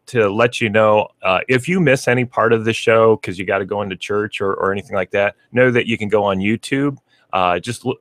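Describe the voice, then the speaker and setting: Male radio host, low voice, dry studio sound, chatty and laughing. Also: fairly bright tone, no room sound. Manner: chatty, laughs often, reads aloud with asides. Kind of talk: casual radio talk show, reading breed facts.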